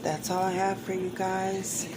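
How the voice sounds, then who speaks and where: A woman's voice: medium pitch, completely flat delivery, measured pace. A woman talking casually and earnestly to viewers, giving motivational advice with emphatic, repeated phrasing. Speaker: home cook and hairstylist giving motivational advice. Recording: clearly noisy room ambience.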